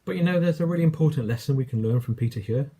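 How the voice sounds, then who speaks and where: A man's voice: mid-range voice, racing, mellow, slightly rough. A man with an English accent preaching a sermon, telling a story in a conversational way and acting out quoted lines.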